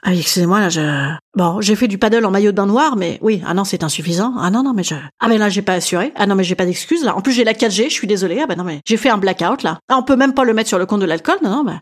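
A woman's voice: medium pitch, fast talker, hardly any pauses. A young woman doing a chatty comic monologue as a show's host, self-mocking and slipping into put-on voices now and then. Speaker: comedian host of a daily episode.

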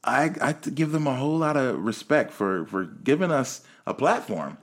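A man in his late thirties hosting a casual chat, animated and often laughing, his voice trailing off softly at times. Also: mid-range voice, moderate pace. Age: 30s. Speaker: podcast host.

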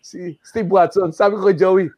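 A middle-aged man, guesting on an interview, tells a lively story while switching between Tagalog and English and acting out what people said. His voice is high-pitched and moderately paced, with no room sound.

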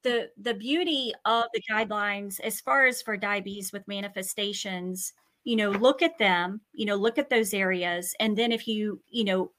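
Lady on a glitchy video call, mid pitch, keeps agreeing and repeating herself. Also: moderate pace, a bit bright. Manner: eager, agreeing, repeats words. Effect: video call with a breaking-up connection. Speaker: medical coding guest. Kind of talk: casual professional chat.

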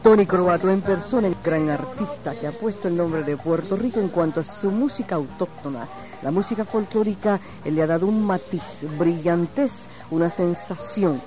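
A woman's voice: fairly low pitch, moderate pace, music in the background. Effusive female interview host. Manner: effusive, praising. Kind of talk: broadcast interview.

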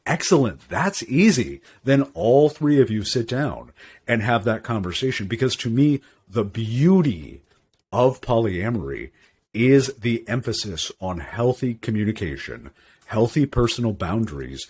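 A man co-hosting a podcast, explaining ideas in casual chat with an animated, thoughtful manner. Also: mid-range voice, unhurried, husky. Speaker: podcast co-host.

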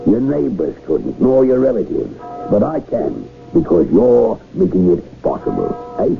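An actor playing a gruff, short-tempered old sea captain with a sardonic, threatening way of talking in an old-time radio mystery. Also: male voice, low voice, huge pitch swings, measured pace, faint music behind, heavily acted. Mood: gruff, menacing. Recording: muffled noisy old radio recording.

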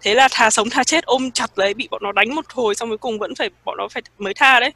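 A young woman hosting a casual chat in a relaxed way, leading the topics and reacting with laughter. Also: a little high, quick pace, no echo. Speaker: host.

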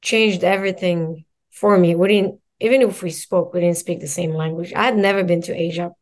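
A woman's voice: fairly low pitch, fairly even intonation, fairly quick, darkish tone. A woman from Morocco, a mindset coach and guest, telling her story in a reflective way and stringing together lists of phrases. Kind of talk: casual interview conversation.

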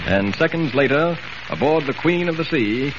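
A man narrates an old radio show in a lively, swooping voice pitched a bit high. He tells the story with dramatic 1940s radio flair. The broadcast sounds muffled and hissy, like an aged transcription disc. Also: moderate pace.

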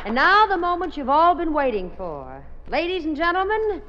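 A woman's voice: very high voice, very animated, normal speed, a crowd in the background, noisy background. A woman acting in an old radio drama as a show singer, giving a grand entrance announcement to an audience. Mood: showy, proud. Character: female show singer grandly introducing her partner on stage. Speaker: actress playing a stage singer. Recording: dull old radio recording, music behind.

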